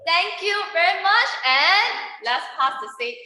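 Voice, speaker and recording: Slow, bright woman teaching. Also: extremely high pitch, sing-song. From Malaysia. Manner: checks in with the audience often. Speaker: teacher and club presenter. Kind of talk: workshop lesson. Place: club meeting room. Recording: echoey room.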